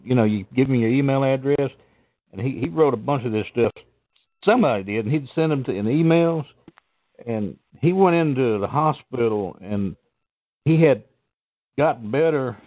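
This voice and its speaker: A middle-aged or older man with a deep Southern American accent, chatting casually and folksily as a phone-in caller. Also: no echo. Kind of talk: casual chat. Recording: tinny phone-like line.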